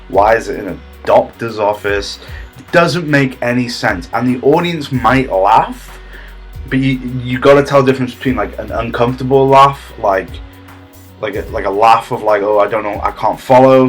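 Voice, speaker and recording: A man giving a deadpan parody comedy tutorial, smug and rambling, with halting restarts and a husky voice. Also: medium pitch.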